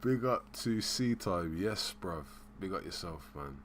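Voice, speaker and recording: Deep-voiced man hosting a livestream. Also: lively intonation, measured pace, slight background noise. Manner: rambling, hesitant, full of shout-outs and slang. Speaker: livestream host. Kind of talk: casual live-stream chat.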